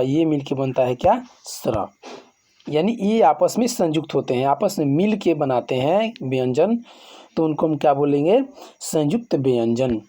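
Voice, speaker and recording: A man teaching grammar in a classroom-style lesson, explaining slowly and repeating points, often asking a question and then answering it himself. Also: fairly high pitch, warm tone. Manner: slow, repetitive explaining.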